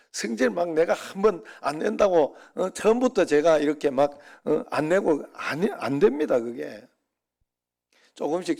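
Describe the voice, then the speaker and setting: A man's voice: fairly high pitch, gravelly, a little mellow. A middle-aged man preaching a Sunday sermon as pastor, conversational and full of rhetorical asides to the congregation.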